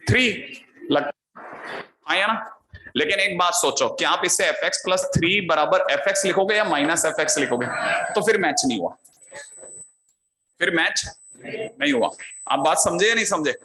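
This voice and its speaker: A man's voice: high voice, pushed and bright. Man teaching math in an echoey room. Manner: explains step by step, keeps asking "हाँ या ना?" to check students follow; drawls key terms slowly while writing them. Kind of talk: classroom math lecture. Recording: echoey room with faint background noise.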